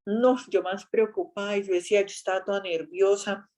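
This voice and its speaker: A woman gives a casual faith talk in a chatty, animated way. She tells a personal story with lively exclamations, and her voice sits at an ordinary, middle pitch for a woman. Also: brisk, slight background noise. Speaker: speaker giving a faith talk.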